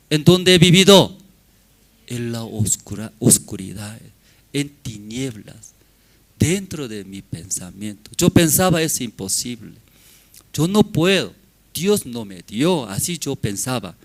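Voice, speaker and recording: A man pastor preaching a sermon emphatically, in broken grammar with many rhetorical questions. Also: fairly high pitch.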